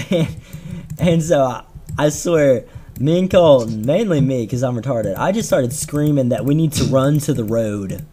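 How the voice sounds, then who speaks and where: A man's voice: medium pitch, unhurried, mellow, breathy edge. A teenage man telling a rambling, slangy story on a casual podcast, with lots of fillers and restarts. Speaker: podcast co-host.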